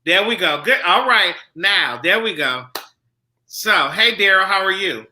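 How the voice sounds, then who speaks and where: Bright high-voiced male host. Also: unhurried, slight background noise. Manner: animated, thinks aloud with restarts. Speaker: show host. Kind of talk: casual panel talk.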